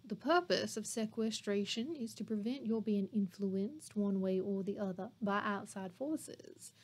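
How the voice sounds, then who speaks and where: A woman voicing a grave male courtroom judge with a put-on Georgia accent, speaking in slow, measured formal address during an audiobook read-aloud. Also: mid-range voice, darkish tone, close to an everyday voice. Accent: put-on Georgia drawl.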